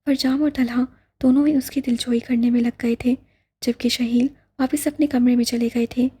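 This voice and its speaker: Soft, breathy woman narrating a novel. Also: fairly high pitch, steady tone, normal speed. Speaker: audiobook narrator. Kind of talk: scripted narration.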